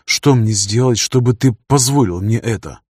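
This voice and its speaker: A man's voice: medium pitch, normal speed, darkish tone, breathy edge, no room sound, clean studio sound, lightly acted. A man voicing a captive young woman who is sulky and defiant, snapping and pleading by turns.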